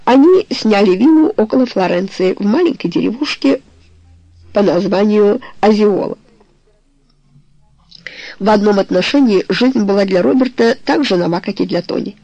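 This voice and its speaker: A woman narrating a novel in an even, measured storytelling voice. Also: mid-range voice, no echo. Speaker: audiobook narrator. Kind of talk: novel reading.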